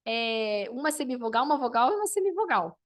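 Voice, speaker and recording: A woman's voice: a little high, sing-song, brisk. A woman teacher, teaching an online class and explaining step by step while checking in with her students.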